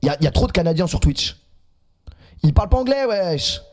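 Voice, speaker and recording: A man's voice: high-pitched, lively intonation, fast, darkish tone. A man in his twenties streaming live, reacting to clips and chatting in a teasing, self-mocking way.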